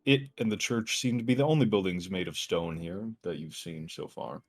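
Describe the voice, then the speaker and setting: Low-voiced man as game master. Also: moderate pace. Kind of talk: narrating a tabletop game.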